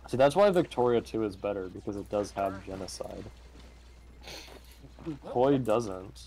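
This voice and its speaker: A man's voice: on the low side, animated, a little slow, warm tone. Rambling joking man on a voice call. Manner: rambling, joking, fond of silly put-on accents. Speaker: group member in a gaming voice chat. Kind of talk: casual chat.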